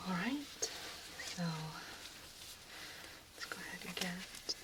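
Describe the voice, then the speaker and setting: A woman's voice: lowish voice, lively intonation. Woman as a soothing doctor, whispered role-play. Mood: soothing, caring. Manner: soothing, soft, unhurried. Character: gentle, reassuring woman doctor settling a patient.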